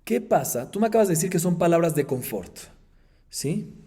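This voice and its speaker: A man, a rabbi, teaching a Talmud class, explaining the text in an animated way with emphatic highs and chanting the Aramaic passages. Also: moderate pace, slightly rough. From Colombia.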